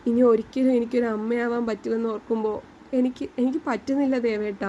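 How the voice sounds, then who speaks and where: A woman's voice: on the high side, level tone, fairly quick, warm tone, highs cut off, slight background noise, natural voice. A woman voicing a young grieving wife who pleads through tears. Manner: tearful, pleading.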